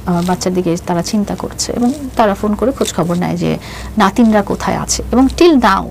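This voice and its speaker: This clip has a middle-aged woman, Bangladeshi in accent, telling her life story in an interview while weaving in English phrases and restarting as she hesitates. She talks fairly quickly, her mid-range voice creaky and somewhat dark. Background noise is noticeable.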